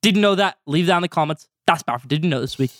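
A fifteen-year-old boy hosting his own sports podcast, talking energetically and stretching out segment names when excited. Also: a little high, very fast, faint music behind. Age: teens. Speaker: podcast host. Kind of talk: solo sports podcast commentary.

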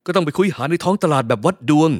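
Lively male audiobook narrator. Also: on the high side, rapid-fire, no echo, studio quality. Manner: lively, expressive storytelling. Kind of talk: first-person novel narration.

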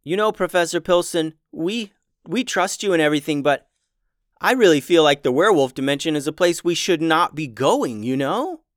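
A man's voice: a little high, lively intonation, no room sound, clean studio sound, voice pushed up, close to an everyday voice. A man voicing an eager, chatty young kid apprentice who rambles nervously. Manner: rambling and nervous, talks fast.

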